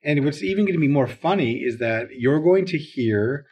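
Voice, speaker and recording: Minnesotan man, husky casual podcast voice. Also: on the high side. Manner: relaxed, chatty, with fillers and quick reactions. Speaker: podcast co-host.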